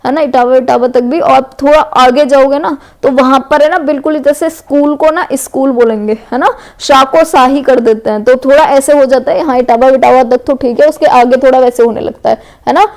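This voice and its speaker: A woman's voice: high voice, steady tone, fairly quick, few pauses, a little mellow. A woman teacher with a western Uttar Pradesh Hindi accent, going through exam multiple-choice questions in an explanatory way and often checking in with "है ना". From Uttar Pradesh, India. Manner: explanatory, repeats "है ना" and "correct है". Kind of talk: exam MCQ revision lesson.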